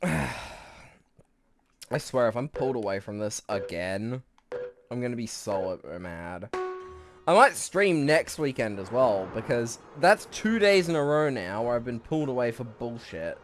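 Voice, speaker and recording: A man's voice: medium pitch, sing-song, a little slow, soft background music. A young man giving casual live commentary on his gameplay, rambling and swearing, a bit out of breath. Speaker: streamer.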